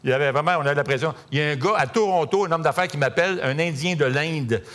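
A man's voice: a little high, fast, a bit bright. A middle-aged man with a Québécois French accent preaching a sermon in a conversational, storytelling way with many fillers. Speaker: pastor.

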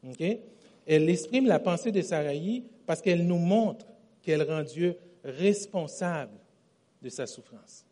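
A man preaching a sermon with a Quebec French accent, telling stories in an animated way and often repeating and correcting himself. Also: on the high side, unhurried. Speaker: pastor.

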